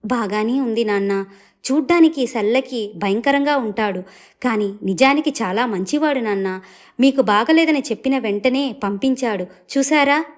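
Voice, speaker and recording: Woman voicing a gentle devoted young daughter. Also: on the high side, normal speed, close to an everyday voice. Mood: warm.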